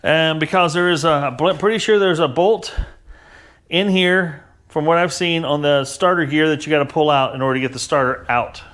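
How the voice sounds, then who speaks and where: A man's voice: fairly high pitch, moderate pace, a bit bright. A man talking casually while working on a motorcycle, explaining each step in a plainspoken, wry and slightly exasperated way. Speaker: home mechanic. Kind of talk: casual how-to commentary. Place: backyard garage workspace.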